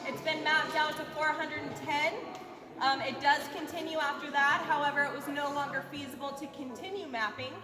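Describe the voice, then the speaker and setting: A woman's voice: sits high, fairly even intonation, a little fast, noisy background. A woman working as a tour guide, giving jokey, folksy commentary to a group in an echoing cave. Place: inside a large underground cavern. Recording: echoey cave reverb, music behind.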